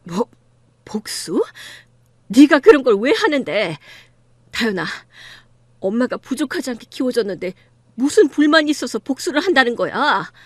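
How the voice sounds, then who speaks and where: A woman's voice: on the high side, big pitch swings, moderate pace, no room sound. A woman voicing a hurt, indignant mother in her fifties in an audiobook drama reading, talking with a pleading, reproachful edge. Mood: upset. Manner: pleading, then fiercely indignant.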